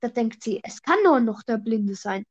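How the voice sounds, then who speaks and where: High-voiced woman host on a muffled mic. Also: lively intonation, moderate pace. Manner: eager storyteller, explains her punchlines. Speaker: podcast host. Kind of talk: casual joke-telling chat. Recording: muffled lo-fi mic with a robotic echo.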